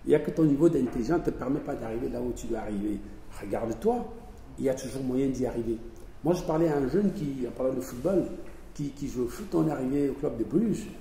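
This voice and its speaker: A man's voice: mid-range voice, lively intonation, fast, vocal fry, dark tone. A man speaking as an author to an audience, emphatic, repeating his phrases and acting out little dialogues. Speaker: author speaking at a public event. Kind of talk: spontaneous talk to an audience. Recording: echoey hall, voice from far off, faint noise.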